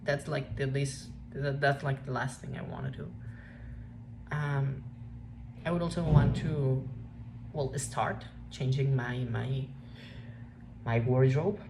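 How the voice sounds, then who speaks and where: A young woman with a Mexican accent, native Spanish speaker, talking through a reflective personal vlog in a halting way with many restarts. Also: rumbling low, vocal fry. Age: young adult. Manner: hesitant, halting, frequent restarts and fillers. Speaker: vlogger. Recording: steady background noise.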